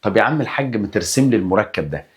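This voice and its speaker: A young man with an Egyptian Arabic accent reviews chemistry for an exam in a rapid-fire, energetic lesson. His fairly low, slightly rough voice has lively intonation, and in a chatty, coaxing way he answers his own questions like a student would.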